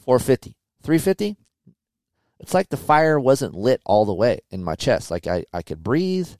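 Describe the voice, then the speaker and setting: A man's voice: on the low side, big pitch swings, normal speed, darkish tone, no echo. A middle-aged man hosting a motocross podcast, talking casually and bluntly about riding, with plenty of swearing. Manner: blunt, profane, conversational. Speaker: podcast host and motocross tester. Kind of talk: casual chat.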